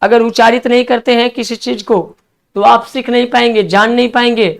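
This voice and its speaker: Man, classroom English-vocab teacher, clear smooth voice, spells words out, coaxing. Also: very high-pitched, little pitch movement. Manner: spells words letter by letter, coaxing students to write fast.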